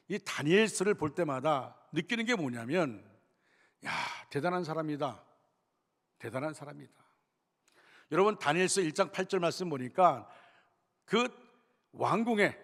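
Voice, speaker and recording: A man, the senior pastor, preaching a sermon in a church sanctuary, emphatic, repeating key phrases and addressing the congregation directly. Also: a little high. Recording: long church reverb.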